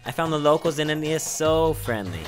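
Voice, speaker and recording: A man from Canada narrating his food vlog in a measured, reflective scripted voice-over. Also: a little high, animated, faint music behind.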